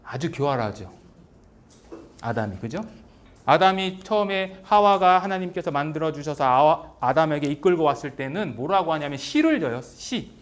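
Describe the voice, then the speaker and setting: Animated, high-voiced Korean preacher. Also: male voice, moderate pace. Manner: animated, asks the listeners many rhetorical questions; dramatizes quotes in character voices. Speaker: pastor. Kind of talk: sermon at a revival meeting.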